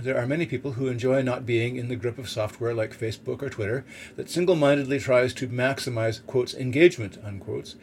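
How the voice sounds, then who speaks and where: Male blogger-podcaster, mid-pitched, reading opinion essay aboard a boat, slight heater noise in background. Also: darkish tone. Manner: explanatory, opinionated, with occasional rhetorical questions and asides. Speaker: blogger reading own articles as podcast host. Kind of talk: reading a written article aloud. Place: on a boat in a snowstorm. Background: background noise of boat heating.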